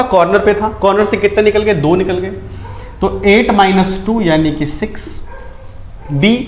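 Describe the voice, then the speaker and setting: A high-pitched man lectures on chemistry at a brisk pace, coaxing his students and quizzing them as he goes. His voice rings out in an echoey room. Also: a little hiss or hum. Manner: brisk, coaxing, repeatedly asks students questions. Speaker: chemistry teacher.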